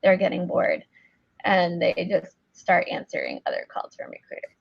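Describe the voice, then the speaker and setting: Over a video call, a woman guest on a webinar about sourcing teams tells stories chattily, saying "like" again and again. Her lowish, gravelly voice has a breathy edge, swings hugely in pitch, and moves at a moderate pace. The recording has no room sound and the highs are cut off.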